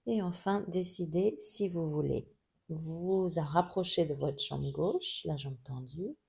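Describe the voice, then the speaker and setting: A woman teaching a yoga class, giving calm, gently guiding cues through each pose. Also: low-pitched, takes it slowly, vocal fry, slightly rough. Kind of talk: guided yoga instruction.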